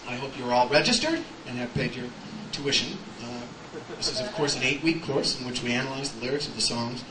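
A man's voice: fairly high pitch, noisy background, lightly acted. A man playing a pompous lecturing professor. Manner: pedantic, mock-scholarly. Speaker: comedian. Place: live club stage. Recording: echoey live club recording from far off, music.

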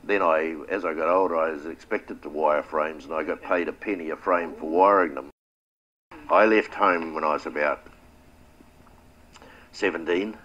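A man's voice: very deep voice, normal speed, long pauses, fairly bright tone, highs cut off. An older man with a New Zealand accent, telling his family's beekeeping history in a reflective, plain-spoken oral history interview. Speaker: retired beekeeper.

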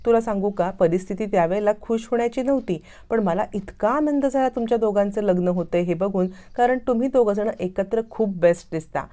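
A woman's voice: medium pitch, a little fast, few pauses, mellow, close to an everyday voice. A woman voicing a caring young man who speaks earnestly and reassuringly to his sister-in-law.

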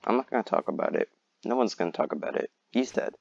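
A young man giving excitable, rambling gameplay commentary and joking at his own expense. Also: fairly low pitch, fast talker, vocal fry, no room sound, muffled recording. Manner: excitable, rambling, playfully self-mocking. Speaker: gamer.

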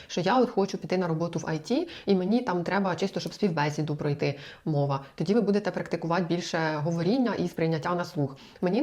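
A young Ukrainian woman chats casually to the camera, sharing language-learning advice with examples and asides. Her voice is lowish and somewhat dark.

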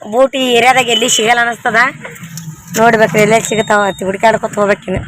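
Brief: high-pitched, fast North Karnataka woman, family vlogger chatting to her friends online, traffic noise behind. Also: steady tone. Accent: North Karnataka Kannada. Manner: chatty, addresses viewers as friends. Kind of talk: casual vlog talk to viewers.

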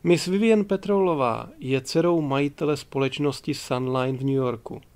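A polite, formal ship captain in his forties, as a male narrator voices him. He speaks with calm courtesy in a gravelly voice. Read for an audiobook. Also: medium pitch, close to an everyday voice. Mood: courteous.

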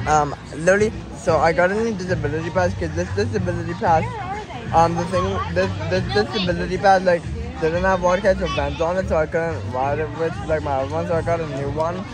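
A young American man talking casually to camera in an outdoor vlog, halting and rambling as he goes. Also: sits high, fairly even intonation, a crowd in the background. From Pennsylvania, United States. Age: young adult, late teens. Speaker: vlogger. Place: outdoors in an amusement park. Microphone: phone at arm's length.

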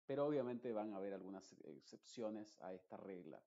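A man's voice: on the low side, lively intonation, normal speed, gravelly, warm tone, highs cut off. A man teaching English pronunciation in a patient, explanatory lesson, restating each point.

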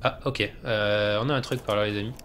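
A man's voice: fairly low pitch, steady tone, fairly quick, fairly bright tone, slight background noise. Chatty French gamer man. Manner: joking, chatty, talks to himself. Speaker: let's play gamer. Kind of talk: casual let's play commentary.

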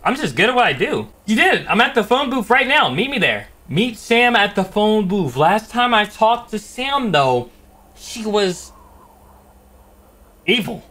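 A young man giving excitable, jumpy gameplay commentary on a horror game, yelling when scared. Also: high voice, measured pace. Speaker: gaming YouTuber.

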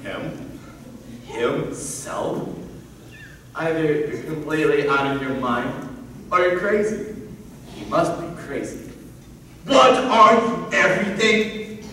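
A man acting a stubborn, gruff older father on a school stage, sarcastic and exasperated, bursting into song. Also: on the high side, animated, unhurried, sharp tone, slight background noise, full character voice. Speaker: stage actor. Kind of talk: amateur stage musical acting. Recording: echoey theatre stage from far off.

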